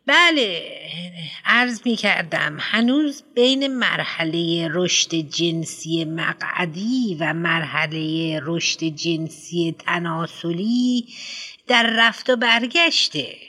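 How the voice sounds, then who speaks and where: A man reading an audiobook, voicing a fussy middle-aged woman who heads a school, speaking hesitantly and full of drawn-out ums. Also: a little high, sharp tone. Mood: lecturing.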